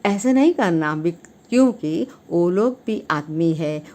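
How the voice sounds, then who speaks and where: A woman hosting her channel, giving an earnest talk to camera on civic duty. She speaks emphatically, with frequent rises in pitch and loudness, and hesitates with fillers and restarts between phrases. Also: animated, slow pace.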